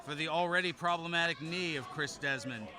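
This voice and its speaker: Male wrestling commentator, highish voice, measured analytical asides, noisy crowd behind. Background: crowd noise.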